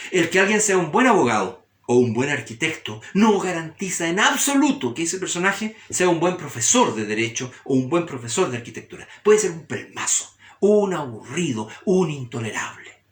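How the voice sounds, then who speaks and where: A man with a Chilean accent gives a reflective humanities lecture, his voice sitting somewhat high for a man. He talks expressively, shifting tone and pace as he demonstrates his points. The recording carries a roomy echo. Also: very animated, moderate pace. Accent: Chilean Spanish.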